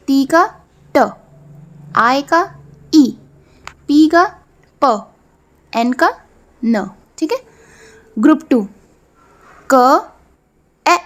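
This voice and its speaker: A woman with an Indian accent teaching a phonics lesson to children. She sounds out letters slowly and checks for understanding. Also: sits high. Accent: Indian English. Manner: slow, drawn-out sounding of letters; repeats "theek hai" to check understanding.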